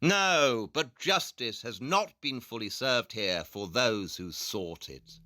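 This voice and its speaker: A man's voice: mid-range voice, lively intonation, slow. A man acting as Sherlock Holmes, a brusque, impatient, intense detective speaking emphatically in an audio play. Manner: sharp, emphatic, exasperated.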